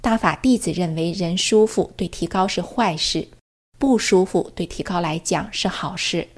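A woman's voice: fairly low pitch, moderate pace, slightly rough. A woman giving an earnest personal testimony, telling her story and quoting what others said to her. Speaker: religious practitioner sharing her experience.

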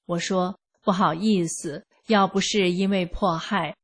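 A woman reads a first-person account at an unhurried pace, her delivery calm and even. Her voice is soft and slightly breathy, with measured pauses between phrases. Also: on the low side. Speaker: reader. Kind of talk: scripted first-person narration.

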